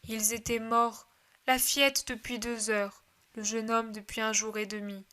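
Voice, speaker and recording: A young male disciple, grave and gentle, answering softly with sorrow, read by a woman. Her own fairly high, bright tone stays in the voice, like a storybook reading. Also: level tone, a little slow. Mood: sorrowful.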